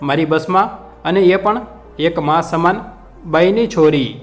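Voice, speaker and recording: A furious ex-soldier bus conductor roars threats at a busload of passengers, as a man reading the story puts him on. The voice sits fairly high and stays commanding, with soft music under the telling. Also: slow.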